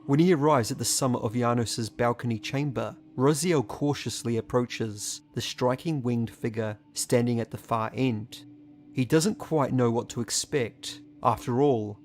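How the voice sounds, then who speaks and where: A man reading scripted documentary-style narration in a measured, literary, composed manner. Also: medium pitch, darkish tone. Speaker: narrator of a video game character study. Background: music.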